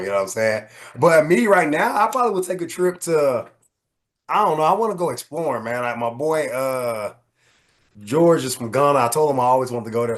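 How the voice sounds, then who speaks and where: A man who is a coach, a guest on a podcast, chatting in an easygoing way and telling stories. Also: medium pitch. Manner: easygoing, laughs often, relaxed storytelling. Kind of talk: casual interview chat.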